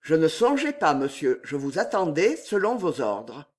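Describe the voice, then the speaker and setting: A man's voice: fairly high pitch, big pitch swings, measured pace. A man reading an audiobook, voicing a proud, brooding young male servant who speaks with an intense, fierce timidity. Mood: restrained.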